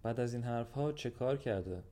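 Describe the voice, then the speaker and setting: A man's voice: mid-range voice, mellow, voice pushed up, close to an everyday voice. A man voicing a stubborn schoolteacher who answers in terse, cold lines in a storybook reading. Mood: cold, defiant.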